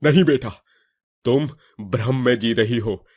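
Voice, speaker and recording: A man's voice: mid-range voice, measured pace, darkish tone, slightly rough. A man voicing an injured middle-aged father in a cartoon, speaking harshly and reproachfully. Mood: bitter. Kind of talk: Hindi cartoon voice acting.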